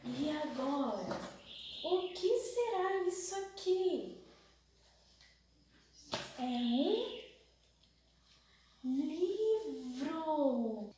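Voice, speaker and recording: A Brazilian woman teaching young children a phonics lesson, asking slow sing-song questions and stretching out syllables. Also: high voice, expressive, heavy reverb, recorded from a distance, background noise. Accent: Brazilian Portuguese.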